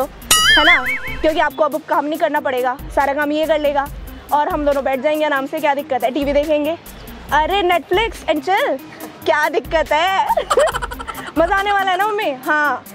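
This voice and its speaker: A young woman with a very high, girlish voice runs a prank, chattering to her mother in a gushing, teasing way. Background music plays clearly under her voice. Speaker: prank video host.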